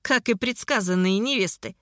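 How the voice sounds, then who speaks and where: A woman's voice: medium pitch, moderate pace, fairly bright tone, no echo, clean studio sound, natural voice. A woman voicing a flamboyant, unflappable red-haired male sorcerer who sneers at his rival. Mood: sneering. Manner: sneering, through gritted teeth.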